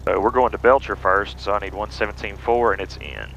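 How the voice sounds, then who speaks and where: A man's voice: on the low side, fairly even intonation, a little fast, creaky, a bit bright. A man who is a pilot, casually explaining procedures from inside a small airplane cockpit. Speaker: pilot and flight vlogger. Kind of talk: casual explanatory cockpit narration with radio calls. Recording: muffled cockpit audio with engine noise.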